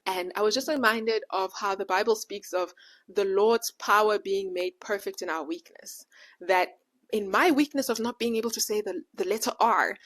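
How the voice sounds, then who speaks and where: A woman in her late twenties who says w for r, speaking as a podcast host in casual, animated personal reflection with slangy retold dialogue. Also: mid-range voice, moderate pace. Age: late 20s. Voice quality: can't pronounce R, says w for r.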